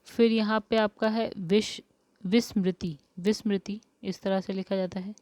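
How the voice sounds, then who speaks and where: Woman teacher explaining spelling, smooth voice. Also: mid-range voice, steady tone, a little slow, darkish tone, dry recording. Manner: explains step by step, asks questions then answers them. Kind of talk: spelling lesson for exam prep.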